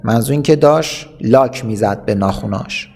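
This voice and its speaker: A man teaching an English vocabulary lesson, reading example sentences slowly and explaining them quickly. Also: medium pitch, a little mellow, soft background music.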